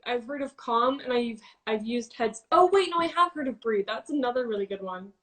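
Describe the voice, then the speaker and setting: A young woman chatting on a live video call, eager and agreeable, quick to chime in. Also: a little high, animated, fairly bright tone. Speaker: livestream co-host. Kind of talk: casual chat.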